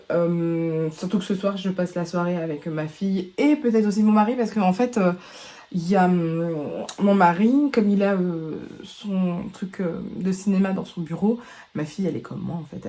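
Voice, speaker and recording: A woman beauty vlogger, hoarse from a sore throat, chatting casually to camera at home with lots of hesitations. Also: lowish voice, normal speed, warm tone. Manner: chatty, rambling, many hesitations. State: hoarse from laryngitis. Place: at home indoors.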